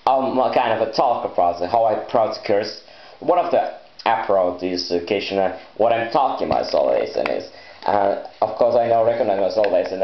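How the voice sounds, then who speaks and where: Male vlogger, non-native English, lowish voice; halting, repetitive solo rambling, dull roomy recording. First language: not English. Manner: halting, repetitive, with loose broken phrasing. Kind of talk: rambling unscripted solo vlog talk. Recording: echoey room, dull muffled sound.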